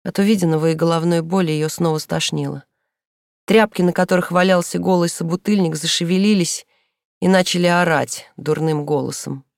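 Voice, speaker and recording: A woman reading a story aloud in a steady, matter-of-fact way. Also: lowish voice, brisk, vocal fry, no room sound, studio quality. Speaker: audiobook reader. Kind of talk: scripted narration.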